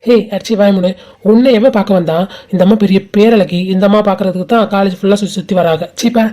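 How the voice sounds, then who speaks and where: A woman's voice: medium pitch, quick pace, warm tone, lightly acted. A woman voicing a cocky, mocking young college man in an amateur cartoon, with a sneering, teasing delivery. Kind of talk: amateur animated cartoon dub.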